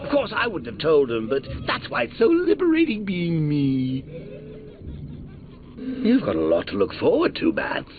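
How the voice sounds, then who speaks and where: The Joker, wildly swooping clown villain. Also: male voice, on the high side, full character voice. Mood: gloating. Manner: theatrical, mocking, drawn-out phrasing with cackles. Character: gleefully sadistic, taunting male clown supervillain. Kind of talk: theatrical video game villain acting. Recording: muffled game audio under loud music.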